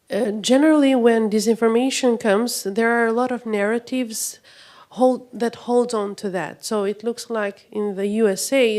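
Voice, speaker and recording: A woman's voice: mid-range voice, a little mellow. A woman from Albania, a native Albanian speaker, asking a panel a question from the floor and searching for words. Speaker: audience member, professor.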